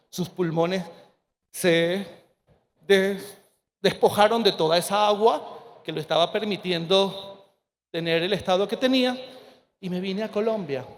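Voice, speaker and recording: Priest in his 40s, pretty high voice, telling his own story all emotional to a crowd of listeners. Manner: emotional, earnest storytelling with dramatic pauses. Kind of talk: personal testimony talk to an audience.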